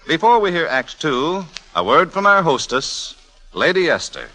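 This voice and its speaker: A man's voice: a little high, big pitch swings, moderate pace, sharp tone, low-quality recording. A man with an American accent doing formal, scripted 1940s radio announcing. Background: music.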